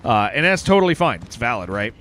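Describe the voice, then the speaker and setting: A man's voice: medium pitch, big pitch swings, a little fast, fairly bright tone. A man streaming a video game live, chatting casually and rambling with lots of fillers. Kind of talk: casual live-stream commentary while gaming.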